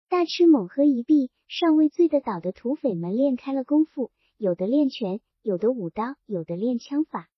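A woman reading a novel aloud as narrator, telling the story in a steady, measured way. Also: high-pitched, slightly rough, dry recording. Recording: dull lo-fi, dry sound.

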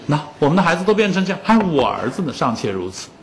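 A man's voice: on the high side, very animated, very fast. A man in his fifties giving a public lecture on music, telling anecdotes and joking with the audience.

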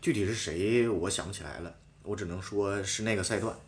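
Fast guy telling race stories, gets animated, swears a bit. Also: sits low, slight background noise. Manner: animated, swears casually, acts out quotes. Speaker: professional cyclist guest. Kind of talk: casual storytelling chat.

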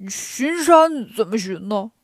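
A woman voicing a lazy, boastful male pig-demon disciple who grumbles loudly in a gruff, whiny voice, for a children's story. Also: on the high side, expressive, takes it slowly, no room sound, clean studio sound, full character voice. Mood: fretful.

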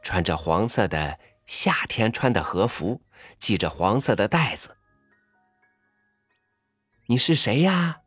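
A man reading a story aloud in a soft, intimate, expressive way, sometimes dropping to a hush. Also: low voice, unhurried, breathy edge, no room sound, soft background music.

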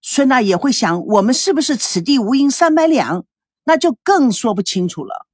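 A harried young manager, exasperated and sighing, voiced by a woman who lowers her tone for him. The voice stays breathy and lively, recorded dry and close. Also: normal speed, no echo.

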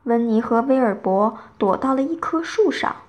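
A woman reading a bedtime story to children, telling it gently and with lively expression. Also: on the high side, normal speed.

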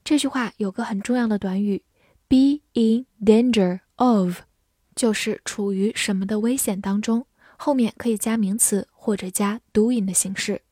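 A woman teaching English vocabulary, who spells each word letter by letter and reads the example sentences slowly. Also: mid-range voice, warm tone, husky, no echo, clean studio sound. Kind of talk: vocabulary lesson with slow model readings.

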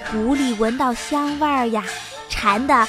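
A woman telling a children's story in an animated, sing-song way. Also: high voice, measured pace. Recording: music playing behind. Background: background music.

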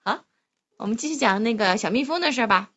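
Lively high-voiced woman prompting a child. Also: very fast, muffled recording. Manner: playful, encouraging prompts. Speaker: parent reading with a child. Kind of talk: picture-book reading with a child.

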